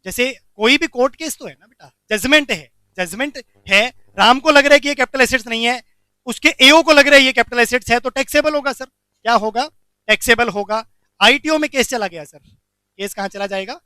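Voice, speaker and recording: A man teaching a commerce lecture, animated, asking the class questions and answering them himself. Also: very high-pitched, a little fast, clean tone, no room sound.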